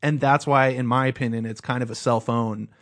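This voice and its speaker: A man's voice: mid-range voice, steady tone, brisk. Profane, ranting podcast guy. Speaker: podcast co-host. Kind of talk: casual chat.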